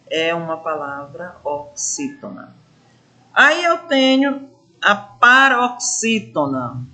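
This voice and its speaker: A woman teaching a grammar lesson, drawing out syllables slowly to show stress and asking her pupils questions. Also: medium pitch, bright, forceful tone. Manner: addresses pupils as gente, asks questions. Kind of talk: classroom lesson explanation.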